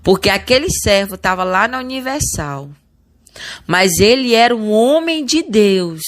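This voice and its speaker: A woman with a Brazilian accent giving an earnest spoken religious testimony, often restarting and repeating words. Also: a little high. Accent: Brazilian Portuguese. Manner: earnest, addresses listeners as brothers. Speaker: church member giving testimony.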